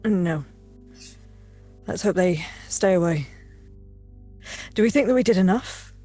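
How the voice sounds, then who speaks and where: A woman playing a tabletop role-playing game, talking in a hesitant, halting way full of fillers. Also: lowish voice, animated, warm tone, faint music behind. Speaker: player.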